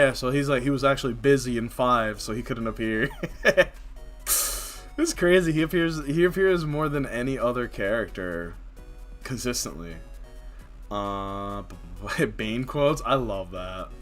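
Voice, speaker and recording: A man's voice: mid-range voice, fairly bright tone. A man streaming a video game, chatting casually with his viewers, rambling and laughing often. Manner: rambling, laughs often, lots of filler words. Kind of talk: casual live-stream chat while gaming.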